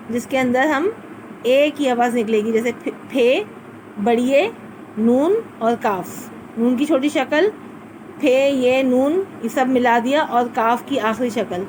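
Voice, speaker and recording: A woman's voice: a little high, noisy background. A woman, teaching a children's class by patiently spelling out letters step by step. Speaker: primary school Urdu teacher. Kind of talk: recorded class lesson.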